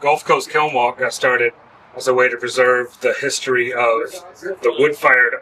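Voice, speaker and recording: A man who grew up with pottery, explaining in a relaxed, easygoing way and laughing easily. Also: medium pitch, a little slow, slight background noise, low-quality recording. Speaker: potter and kiln site host. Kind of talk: casual interview. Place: outdoors at a kiln festival. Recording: outdoor festival with crowd behind.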